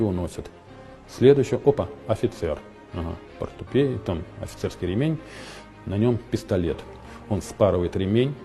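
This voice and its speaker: A man recalling his war service as an eyewitness, telling it haltingly in short, clipped phrases. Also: deep voice, mellow. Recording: very echoey hall, music behind.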